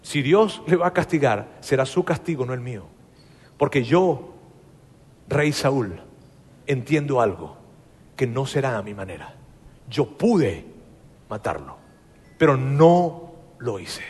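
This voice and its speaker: A man voicing a young male hero who calmly and earnestly pleads with a king, repeating his point. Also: medium pitch, a little slow, long pauses, slightly rough, in a large hall, voice pushed down.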